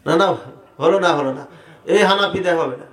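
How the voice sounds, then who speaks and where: A man preaching to a crowd, animated and rhetorical, asking the audience questions directly. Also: high-pitched, fast talker. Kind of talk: sermon debating prayer practice. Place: large hall with audience. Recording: echoey hall sound.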